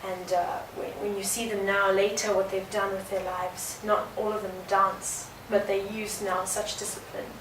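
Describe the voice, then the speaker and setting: A young woman talks earnestly and reflectively, often pausing on fillers as she answers. She is picked up from a distance in an echoey indoor room. Steady background noise runs underneath. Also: medium pitch. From South Africa. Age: early 20s. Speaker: guest dancer. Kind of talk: conversational interview. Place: indoor art venue. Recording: roomy, distant mic, noisy background.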